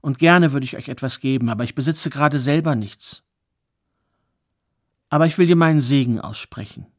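A kind, resourceful young heroine from a spoken fairy tale, as a man puts her on. She speaks calmly and gently, reassuring others with a quiet confidence. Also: mid-range voice, normal speed, no echo, studio quality, natural voice. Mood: kindly. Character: kind, clever young woman, calm and resourceful.

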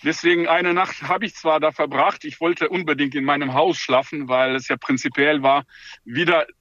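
A man's voice: on the high side, steady tone, normal speed, pushed and bright, dry recording, dull audio. A man running a farm, speaking German in an interview with many hesitations and restarts. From Ukraine.

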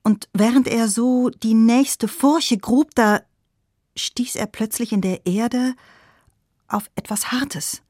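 A woman storyteller telling a folktale to listeners, with expressive delivery that speaks to them directly. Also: fairly high pitch, slow pace, no room sound, studio quality.

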